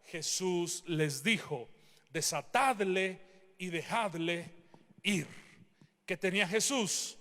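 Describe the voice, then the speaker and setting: A man preaching a sermon with emphatic delivery, rising to shouts and asking the listeners questions. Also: sits high, takes it slowly, long pauses, in a large hall. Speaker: pastor.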